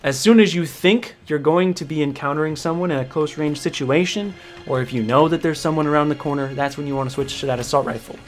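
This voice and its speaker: A man talks quickly and casually over his gameplay, handing out tips straight to his viewers in a slightly high voice. He sounds energetic and a little jittery, with faint music running underneath. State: jittery from caffeine. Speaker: gaming YouTuber.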